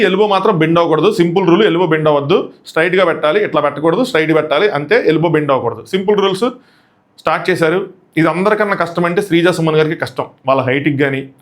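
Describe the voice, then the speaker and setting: A man with a Telugu accent giving a quick, animated review of a reality show episode, acting out the contestants' lines. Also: fairly high pitch. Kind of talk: fast episode review commentary.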